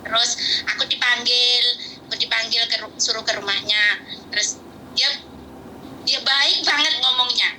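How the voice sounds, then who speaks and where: A woman's voice: fairly high pitch, fairly even intonation, moderate pace, long pauses, bright, forceful tone, a little hiss or hum. A woman caller telling her story over the phone, rambling and repeating herself. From Indonesia. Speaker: caller, domestic worker. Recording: tinny phone line.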